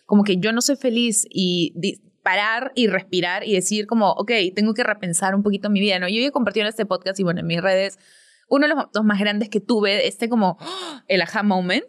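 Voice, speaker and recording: Fast-talking young woman podcast host. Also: mid-range voice. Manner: chatty storyteller, acts out quoted dialogue. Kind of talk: casual podcast conversation.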